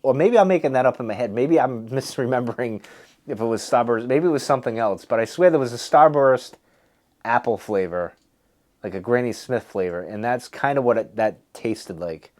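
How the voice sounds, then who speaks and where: A man's voice: mid-range voice, moderate pace, darkish tone. A man giving a casual, rambling review to viewers, thinking aloud in a hesitant, musing way. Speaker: pipe tobacco reviewer hosting a video.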